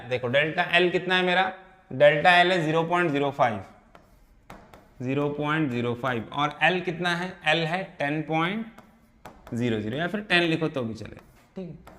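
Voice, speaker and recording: A man's voice: on the high side, pushed and bright. A male teacher working through a physics problem step by step, checking in often with his students. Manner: repeats and checks in with "है ना" and "ठीक है". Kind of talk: step-by-step problem solving lesson.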